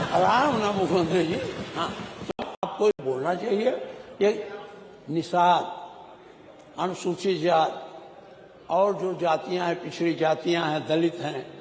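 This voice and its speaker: High-voiced man scolding ministers in an echoing chamber. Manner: rhetorical, scolding, with teasing asides to ministers. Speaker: legislator speaking in the state assembly. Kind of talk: parliamentary floor speech. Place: large legislative chamber. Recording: echoey hall broadcast audio.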